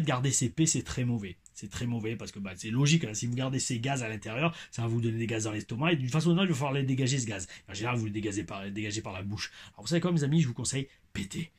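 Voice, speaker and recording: Husky-voiced man doing a joking vlog. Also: medium pitch. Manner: playful, crude jokes, catchphrase "oh oui". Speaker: wrestling review YouTuber. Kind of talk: casual vlog commentary.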